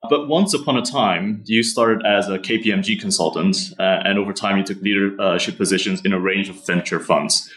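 Podcast host guy, lowish voice, friendly, asks questions. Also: moderate pace, few pauses, a bit bright. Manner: friendly, with scripted intro and short back-channel replies. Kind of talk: interview hosting.

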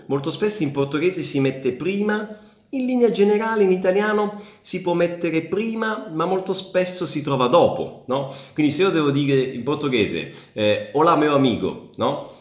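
A man teaching Italian in a casual online lesson, chatty and often checking in with quick tag questions. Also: a little high, reverberant. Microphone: camera.

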